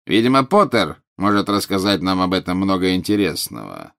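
A man voicing a cold, contemptuous male teacher who talks in a slow drawl. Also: sits low, big pitch swings, gravelly, a bit bright, full character voice. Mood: mocking.

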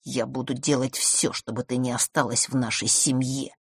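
A woman's voice: sits low, fairly even intonation, measured pace, husky, no room sound. A woman reading a storybook and voicing a hostile, contemptuous teenage boy who speaks curtly and grudgingly. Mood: cold. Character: hostile scornful teenage boy, the girl's brother.

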